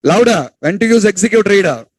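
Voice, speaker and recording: Guy teaching a class, kinda high voice, dry sound, keeps asking questions and repeating stuff. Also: animated, moderate pace, no echo, rough recording. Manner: repetitive, quizzes students, scolds them for whispering. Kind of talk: classroom lecture.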